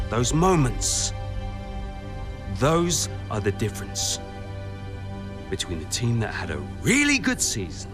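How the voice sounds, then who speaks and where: An actor with a slightly high male voice plays an earnest, driven racing team boss in a naturalistic game cutscene. His delivery is informal and emphatic, sometimes halting.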